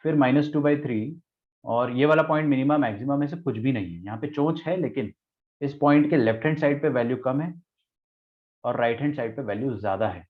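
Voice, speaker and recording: A man's voice: mid-range voice, brisk. Man teaching maths over tinny audio. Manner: explains step by step, asks rhetorical questions and answers them. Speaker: math teacher. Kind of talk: online lecture in Hindi-English mix. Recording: tinny phone-like lecture audio.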